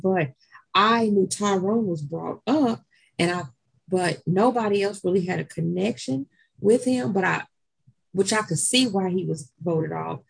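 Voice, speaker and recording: A woman co-hosting a casual chat about a reality dating show, thinking out loud in long rambling explanations. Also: medium pitch, unhurried, creaky, slightly rough, low-quality recording.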